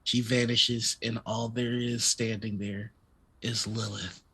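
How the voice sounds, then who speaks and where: A man narrating a tabletop game as game master, slow, intense and suspenseful. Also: medium pitch, flat delivery, fairly bright tone, husky.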